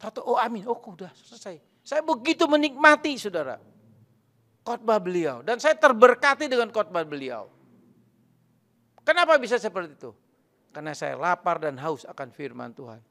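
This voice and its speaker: A man's voice: sits high, very animated, moderate pace, pauses often, fairly bright tone. A male pastor preaching a sermon, emphatic and repetitive, often turning to address the congregation directly.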